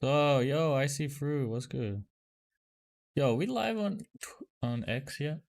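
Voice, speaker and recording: A man hosting a livestream over a headset mic, chatting casually and loosely with lots of fillers as he greets viewers and tests software. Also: medium pitch, expressive, takes it slowly, creaky. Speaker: livestream host. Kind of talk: casual livestream chat while testing software.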